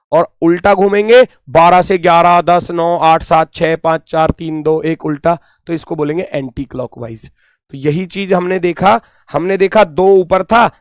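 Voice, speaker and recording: A man's voice: sits high, dry recording, studio quality. A man teaching an exam-prep lesson, repeating key words as he points through a diagram and playfully scolding his students.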